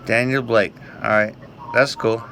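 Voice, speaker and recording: Bright-voiced rambling man on a noisy call. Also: mid-range voice, steady tone, unhurried. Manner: rambling, evasive, playing along with odd answers. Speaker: prank caller baiting telemarketers. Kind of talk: casual phone chat.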